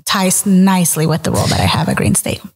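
A woman in her late twenties from El Salvador, speaking as a podcast guest in a measured way with frequent ums and uhs. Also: fairly low pitch, sing-song, in a large hall. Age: late 20s. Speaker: guest, credit union vice president. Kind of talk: podcast interview.

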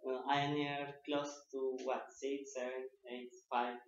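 Halting Colombian man with a Spanish accent. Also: medium pitch, little pitch movement. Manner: halting, searching for words in English. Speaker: English language student. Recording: echoey room, distant dull mic.

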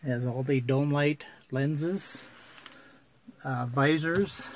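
This is a casual walkaround video of an old car, shot by its owner on a handheld phone, inside the car and out. He speaks slowly in a mid-range voice, matter-of-fact and heavy on fillers, with slight background noise.

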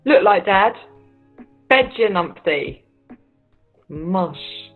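A woman playing a teasing British big sister with a husky voice in a rehearsed script reading. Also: medium pitch, lively intonation, extremely slow, faint music behind. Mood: teasing, soft. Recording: thin, phone-like video call audio.

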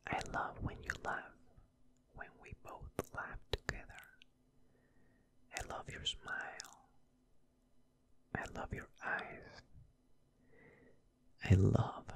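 A young man in a whispered role-play as a devoted boyfriend, very slow and intimate. His breathy whisper sits right on the microphone, with a gravelly creak where the voice comes through, and he repeats his phrases tenderly. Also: mid-range voice. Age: 20s. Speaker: ASMR performer. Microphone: close studio microphone, headphones on.

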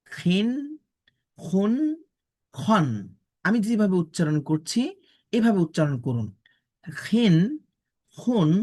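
A man with a Bangladeshi Bengali accent leads a Quran pronunciation lesson. He speaks very slowly, stretching out each Arabic syllable and repeating it for his learners. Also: a little high, a bit bright. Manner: slow, drawn-out syllable drills. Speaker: Quran teacher. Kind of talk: slow recitation lesson.

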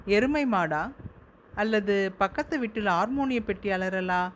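Woman as irritable husband: slow, sharp questions; storybook reading. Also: medium pitch, animated, slight background noise, lightly acted.

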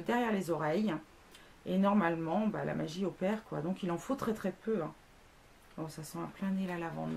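A woman's voice: mid-range voice, a little hiss or hum. A woman in her thirties, a beauty blogger, chatting casually through a product review with lots of fillers and self-mocking asides. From France.

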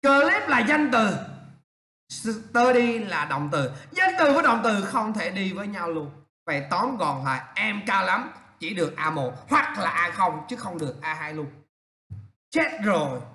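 A male English teacher correcting students' writing aloud, animated and teasing as he points out errors. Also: high-pitched, unhurried, reverberant.

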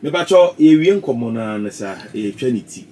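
A man's voice: mid-range voice, animated, normal speed, dark tone, a little hiss or hum. A man with a Ghanaian accent, a radio host who reads out listener comments and responds with short acknowledgements.

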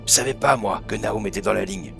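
A man's voice: lowish voice, a little fast, creaky, fairly bright tone, faint music behind. A man doing a terrified old recluse. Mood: muttering. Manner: mutters, then shrieks in terror. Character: old reclusive man, guilt-ridden and fearful.

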